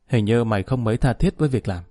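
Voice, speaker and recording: A man's voice: mid-range voice, quick pace, mellow, natural voice. A man reading an earnest worried gangster. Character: earnest young male gangster friend, worried.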